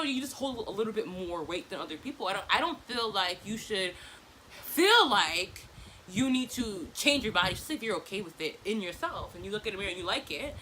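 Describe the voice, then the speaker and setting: Bright-voiced young woman chatting over makeup. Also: mid-range voice, a little hiss or hum, low-quality recording. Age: 20s. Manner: talking distractedly while applying makeup. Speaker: vlogger. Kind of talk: casual get-ready-with-me chit chat.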